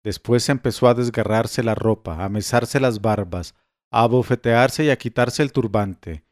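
A man reading a classic tale as a storybook narrator, steady and measured. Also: medium pitch, dry recording, clean studio sound.

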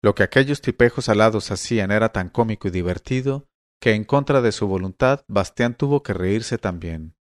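A man narrating a fantasy novel aloud in a measured, expressive audiobook reading. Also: fairly low pitch, dry recording, clean studio sound.

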